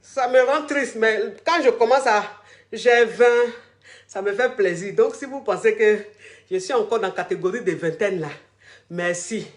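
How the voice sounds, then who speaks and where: A woman's voice: medium pitch, moderate pace, echoey room. A woman, coaching callers on a live stream in a crude, teasing, repetitive way and often laughing. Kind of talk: livestream advice chat.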